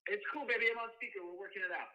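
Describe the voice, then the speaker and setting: A man's voice: high-pitched, very fast, background noise. A man talking casually as a guest artist, heard through a phone on speaker with a laid-back, rambling, enthusiastic manner. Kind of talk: casual live chat. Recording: phone on speaker held away from the mic.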